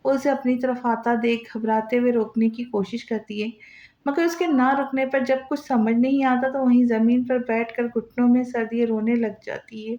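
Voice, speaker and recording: A woman narrating a dramatic romance novel in a steady storytelling voice, in a roomy, dull lo-fi recording. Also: on the high side, normal speed.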